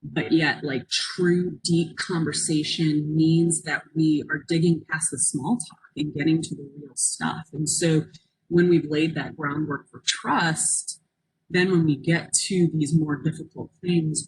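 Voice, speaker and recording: A woman's voice: low-pitched, slight background noise, poor audio. A woman presenting an interactive webinar in an encouraging, reflective manner, inviting people to take part. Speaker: workshop presenter. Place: online conference call.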